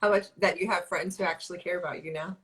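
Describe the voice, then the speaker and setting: Bright-voiced chatty woman co-host. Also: lowish voice, fairly even intonation, fast, low-quality recording. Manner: chatty and teasing. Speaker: podcast co-host. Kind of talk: casual livestream chat.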